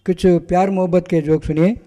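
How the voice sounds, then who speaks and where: A man's voice: sits high, fairly even intonation, fairly quick, dark tone, in a large hall. A man telling stand-up jokes and stories, full of repeats and fillers. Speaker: mimicry and joke performer.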